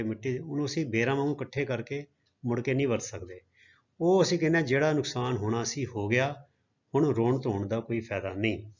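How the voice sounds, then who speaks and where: A man teaching a recorded grammar lesson in Punjabi. He reads English example sentences slowly and chants scripture quotes. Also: medium pitch. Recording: dull lo-fi audio.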